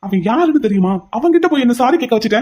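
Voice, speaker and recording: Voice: mid-range voice, lively intonation, very fast, a little mellow, lightly acted. A voice actor playing a stern older brother who scolds his sibling firmly. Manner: scolding, firm.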